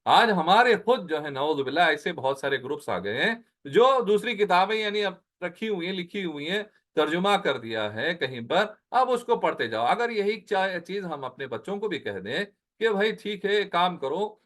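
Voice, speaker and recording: A man with a fairly high voice teaches a Quran translation lesson. He explains each word in turn, repeats Arabic terms slowly and asks his listeners rhetorical questions. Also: lively intonation, fairly bright tone. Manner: explains word by word, mixing in English phrases; slows down on Arabic words, repeats them.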